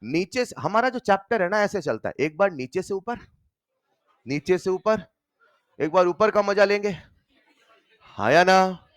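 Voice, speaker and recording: A male chemistry teacher with a slightly raised pitch lectures with animated energy. He keeps throwing rapid questions at his students. The recording is close and dry, with no room sound. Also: no echo. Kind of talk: classroom lecture.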